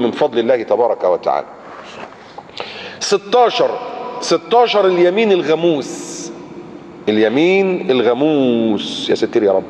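A man with an Egyptian Arabic accent preaching a colloquial sermon, animated and acting out everyday speech. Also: fairly high pitch. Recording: muffled lecture-hall recording with long reverb.

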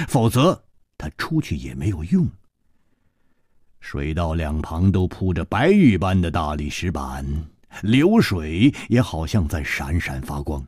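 A man narrates a martial-arts story in a husky, slightly low voice. His delivery leaps about dramatically, dropping to a hush and then flaring up. The sound is close and dry. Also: no room sound. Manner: dramatic, swinging between hushed and exclaimed phrases.

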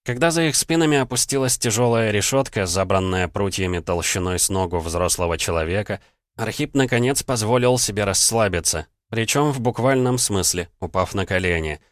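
A man reads an audiobook in a steady, measured way. His voice is deep and low. The recording is dry and close, with no room sound. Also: no room sound. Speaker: audiobook narrator. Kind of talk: scripted audiobook narration.

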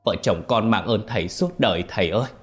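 A man's voice: on the low side, fast, natural voice. A man voicing a desperate middle-aged mother begging for her son's life in a ghost story. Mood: pleading. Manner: pleading, begging.

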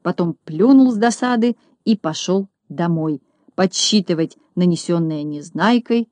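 A woman reading a children's story aloud in a steady, even narration. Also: on the low side, measured pace, no room sound. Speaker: audiobook reader.

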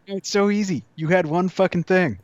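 A man's voice: high voice, moderate pace, highs cut off. A man on a casual podcast making laid-back, dry remarks.

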